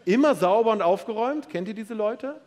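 Animated man preaching a sermon. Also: high-pitched, brisk. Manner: lively, playful, addresses the audience directly.

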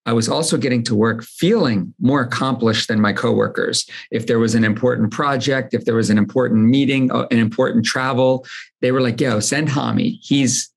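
Male guest, 40s, gravelly texture, earnest storyteller who stumbles and repeats at sentence starts. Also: mid-range voice, steady tone, moderate pace. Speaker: guest, company founder. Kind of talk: casual storytelling conversation.

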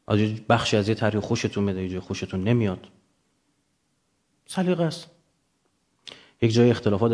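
A man's voice: lowish voice, darkish tone. A man lecturing off the cuff to students, didactic, often posing questions and answering them himself.

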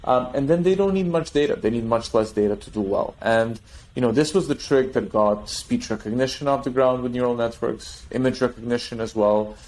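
On poor audio, a tech company guest talks through technology on a podcast at a slightly fast clip. His medium-pitched delivery is animated, full of restarts and thoughts left hanging.

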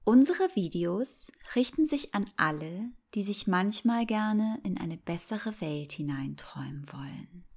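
A woman narrating a bedtime sleep story in a calm, soothing, gentle and unhurried way. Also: medium pitch, husky.

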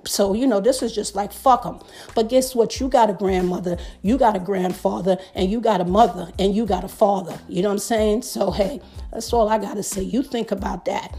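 A woman's voice: mid-range voice, warm tone, breathy edge. A middle-aged woman hosting a podcast, ranting emphatically in profane street slang. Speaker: podcast host.

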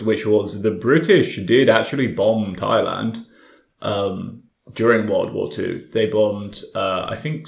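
A man's voice: mid-range voice, creaky. A man hosting a casual history discussion, thinking aloud as he goes. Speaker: podcast host. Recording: echoey room.

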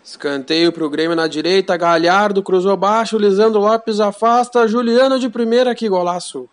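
A man doing explosive football goal commentary with drawn-out shouts. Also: high-pitched. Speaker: football talk show panelist. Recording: music behind the voice.

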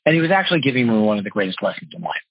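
A man's voice: lowish voice, gravelly, slightly rough, no room sound. A man in his forties from New Jersey, telling his life story earnestly as a podcast interview guest. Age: 40s. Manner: earnest, fast-talking, expressive storyteller. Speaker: guest, financial wholesaler and speaker. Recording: dull lo-fi dry podcast audio.

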